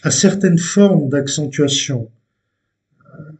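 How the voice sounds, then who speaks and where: A man teaching a language lesson, explaining step by step in a deliberate way with frequent hesitations and repeated words. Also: on the high side, darkish tone.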